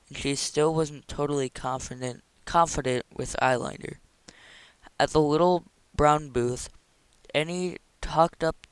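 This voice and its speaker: A man reading a novel chapter aloud in a steady, even narration. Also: medium pitch, smooth, dry recording, low-quality recording. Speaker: audiobook reader.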